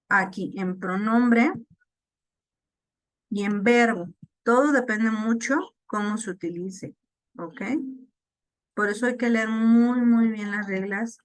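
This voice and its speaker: A woman's voice: medium pitch, steady tone, takes it slowly, long pauses, dry recording. A woman teacher explaining a lesson to her class, checking in often with "ok?". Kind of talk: online class lecture.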